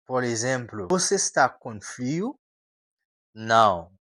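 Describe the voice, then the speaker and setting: A man with a Haitian accent whose first language is Haitian Creole, teaching an informal language lesson and slowly repeating example phrases with French words mixed in. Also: mid-range voice, lively intonation, fairly bright tone, dry recording, studio quality.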